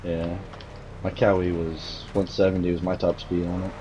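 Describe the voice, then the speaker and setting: A man's voice: deep voice, little pitch movement, moderate pace, background noise. A man chatting casually on a stream, chiming in with short agreements and laughing often. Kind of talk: casual chat.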